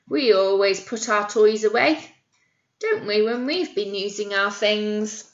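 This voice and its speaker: Reading a picture book to young children, a nursery teacher uses a bright, fairly high-pitched voice and an expressive, teacherly manner. She poses questions to them, emphasises key words, and explains things simply. The sound quality is lo-fi.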